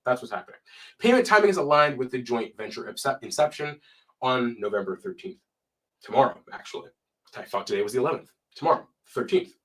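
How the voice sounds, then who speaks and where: A man's voice: medium pitch, a bit bright. A young man with a stuffy, cold-blocked voice, hosting a casual live stream and reading numbers aloud with chatty asides. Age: young adult. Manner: chatty, reads figures aloud and adds asides.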